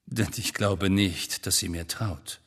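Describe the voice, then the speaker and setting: A man reading an audiobook, voicing a rebellious grown wizard who speaks in a low, earnest, conspiratorial manner. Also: steady tone, slow pace, a bit bright, slightly rough, big-room sound, heavily acted.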